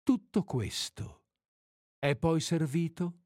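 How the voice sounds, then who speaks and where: A man's voice: a little high, takes it slowly, darkish tone, no room sound, studio quality, voice pushed up. A man doing a patient martian stranger. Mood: calm questioning. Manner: patient, questioning like a teacher. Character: calm, patient male martian visitor.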